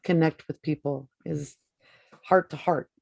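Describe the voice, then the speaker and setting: A woman hosting an interview, speaking in a gentle, affirming way. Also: low voice, steady tone, a little slow, creaky, no echo. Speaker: podcast host.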